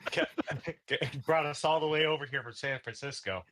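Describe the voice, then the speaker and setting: A man's voice: a little high, moderate pace, fairly bright tone, slight background noise, pitched above the performer's own voice, natural voice. A man voicing a friendly, easygoing brother-in-law in a tabletop game, rambling with many fillers. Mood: jovial. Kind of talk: in-character tabletop role-play.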